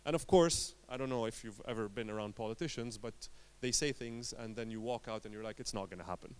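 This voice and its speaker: With slight background noise in the recording, a Lebanese entrepreneur speaks at a conference in a voice on the low side. He tells his story in clipped, emphatic phrases separated by dramatic pauses.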